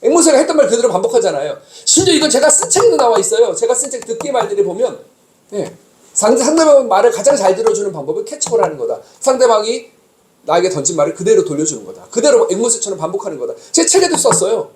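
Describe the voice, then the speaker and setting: Male pastor in his 50s, quick lively delivery with big pitch swings, exasperated storyteller, echoey church hall. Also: slight background noise. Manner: animated, exasperated storytelling to the congregation. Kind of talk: sermon. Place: church sanctuary.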